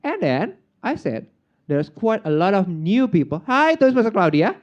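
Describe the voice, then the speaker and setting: Speaking at normal speed, the Indonesian club president has a lively voice that sits high. His informal on-stage speech in the meeting room is chatty and self-deprecating, studded with filler "like"s, and the audio is muffled, dull and lo-fi.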